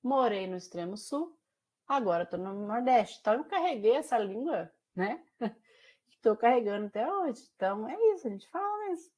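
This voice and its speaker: A woman's voice: fairly high pitch, sing-song, normal speed, darkish tone. A woman teacher from Mato Grosso do Sul with a Brazilian Portuguese accent tinged by São Paulo caipira speech, giving a chatty class lecture full of fillers and questions to her students. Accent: Brazilian Portuguese with São Paulo caipira influence.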